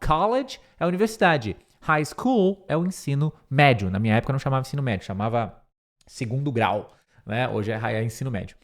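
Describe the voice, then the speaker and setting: A middle-aged man teaching an English lesson, going through a speech line by line, repeating words slowly to model pronunciation and correcting himself as he thinks aloud. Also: medium pitch, expressive.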